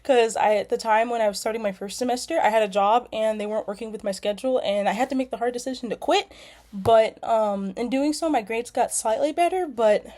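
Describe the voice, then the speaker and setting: A woman's voice: fairly high pitch, fairly quick, dark tone. A young woman from California, a nursing student, casually introducing herself with frequent ums and likes. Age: young adult. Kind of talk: casual self-introduction video. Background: lawnmowers outside.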